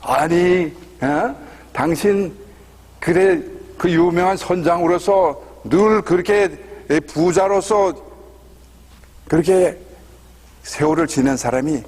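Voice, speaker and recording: Tearful pleading wife, voiced by a man, husky voice, long hall reverb. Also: sits high, takes it slowly, long pauses, darkish tone. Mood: distraught. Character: distraught wife, woman, weeping over poverty.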